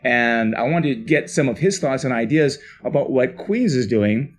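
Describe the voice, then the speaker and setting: A man's voice: mid-range voice, lively intonation, moderate pace. Chatty man hosting a live stream. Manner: chatty, rambling, laughs often. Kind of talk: casual chat. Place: home office.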